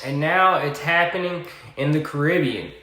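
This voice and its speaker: A man with a Southern US accent giving a political commentary monologue, deliberate, with sarcastic asides. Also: on the high side, sharp tone, echoey room.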